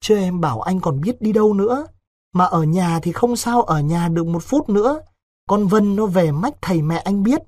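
A man voicing a desperate young village man who presses his case in a hurried, husky voice. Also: high voice, lively intonation, dry recording, studio quality, pitched above the performer's own voice. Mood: urgent. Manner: urgent, hushed persuading.

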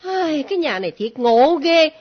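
A woman's voice: high voice, very animated, moderate pace. A coy, teasing young daughter, played by a woman. The sound is muffled and lo-fi. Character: playful young daughter with a secret. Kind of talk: comic stage play acting. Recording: muffled lo-fi recording.

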